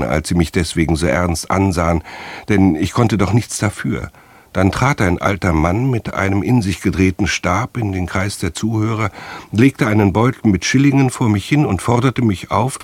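A frightened young minstrel, put on by a man reading a radio story, pleads in a raised, hurried voice and stumbles over his words. The sound is close and dry. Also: lowish voice, darkish tone, no room sound, pitched above the performer's own voice, natural voice. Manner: stammering, hasty pleading. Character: frightened young male wandering singer.

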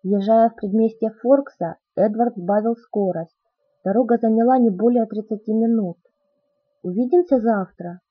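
A woman reading a novel aloud as first-person narration in a steady, soft storytelling manner. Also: fairly high pitch, moderate pace, husky, no echo. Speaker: audiobook narrator. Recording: tinny phone-like audio.

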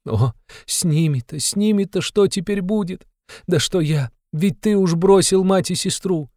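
A man's voice: high-pitched, normal speed, warm tone, no room sound, studio quality, voice pushed up, natural voice. A man reading an audiobook, voicing a desperate devout young woman who exclaims and pleads. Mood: anguished.

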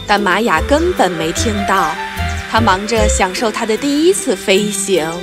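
A woman's voice: mid-range voice, lively intonation, normal speed, loud music behind the voice. A woman reading a scripted children's story as its narrator.

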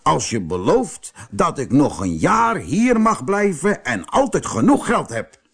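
A man voicing a cunning, easygoing male shoemaker who talks calmly and slyly. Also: a little high, unhurried, husky, pitched above the performer's own voice, heavily acted. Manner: calm, sly and friendly.

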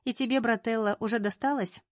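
A woman's voice: on the high side, fairly even intonation, a little fast, no echo, studio quality, pitched above the performer's own voice, natural voice. Woman doing a teasing, bubbly little sister. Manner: teasing, playful.

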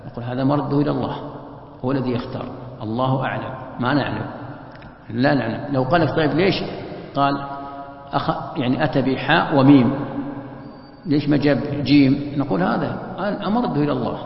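Gravelly man teaching in an echoey hall. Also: medium pitch, quick pace, long pauses. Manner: explains step by step, drawing out letters to demonstrate. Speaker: Quran commentary teacher. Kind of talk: religious lesson. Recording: dull echoey hall recording.

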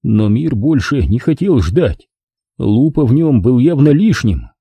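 Dark, husky male narrator, lively dramatic read, dry close mic. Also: mid-range voice, unhurried, no echo. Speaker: audiobook narrator.

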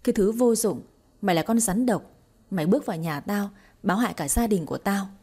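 A woman voicing a harsh, abusive older mother-in-law who scolds in a shrill, rapid-fire way, in an audiobook reading. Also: darkish tone, breathy edge, lightly acted. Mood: scolding.

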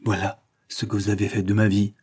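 A man's voice: fairly low pitch, completely flat delivery, fairly quick, darkish tone, husky. A man reading aloud, voicing a betrayed proud woman who speaks with icy disdain. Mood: scornful.

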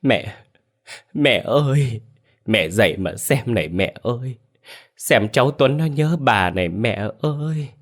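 A man's voice: medium pitch, big pitch swings, fast, a bit bright, breathy edge, pitched above the performer's own voice. A man voicing a grief-stricken grown daughter who sobs and pleads for her dead mother. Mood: wailing grief. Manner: sobbing, pleading cries.

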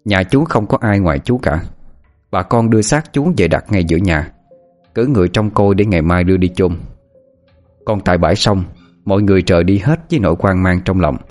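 A man telling a spooky village story in the first person, his voice low and even. The delivery is measured and scripted, with faint music underneath. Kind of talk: scripted horror narration.

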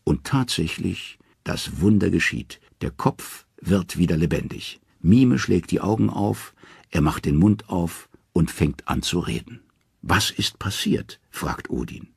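A man narrating a myth audiobook in an expressive storytelling manner. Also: low-pitched, measured pace, vocal fry, slightly rough, dry recording, studio quality.

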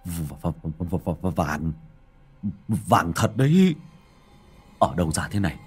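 Man doing a low, husky village husband, gruff and grumbling. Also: very animated, slow pace, fairly bright tone, soft background music, heavily acted. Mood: terrified. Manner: grumbling, stammering. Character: gruff worried middle-aged village husband.

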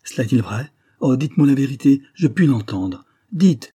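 A man's voice: mid-range voice, big pitch swings, moderate pace, warm tone, breathy edge, no echo, clean studio sound, pitched above the performer's own voice. A man reading the part of a distraught young countess who pleads for the truth, in an urgent, pleading manner.

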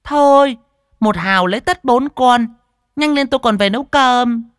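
Male reader putting on a shrill fat market woman, very high, loud and bossy, in a storybook. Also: normal speed, clear, resonant tone, no echo, studio quality. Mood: scolding. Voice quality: shrill, sharp-tongued.

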